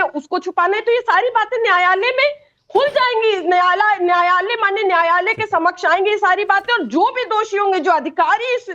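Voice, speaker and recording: A woman arguing on a televised debate attacks her opponents without letup. Her voice is very high. The audio comes through dull and lo-fi. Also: a bit bright. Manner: combative, accusing, talks over others. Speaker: party spokesperson. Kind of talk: heated TV debate argument.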